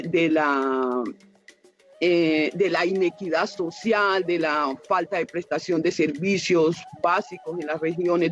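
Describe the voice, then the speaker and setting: A man explaining in an interview, searching for words and repeating them as he goes. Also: on the high side. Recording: dull lo-fi with faint music.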